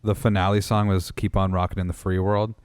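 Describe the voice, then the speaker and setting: Uomo dalla voce bassa, parlata informale. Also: male voice, little pitch movement, brisk, a little mellow, clear, resonant tone, no room sound. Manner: colloquial, swears freely. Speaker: podcast participant, musician. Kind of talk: casual podcast chat.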